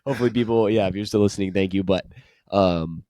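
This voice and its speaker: A man's voice: on the low side, quick pace, mellow, no echo, studio quality. A man hosting a podcast, telling travel stories in a casual, chatty way and laughing often. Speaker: podcast host.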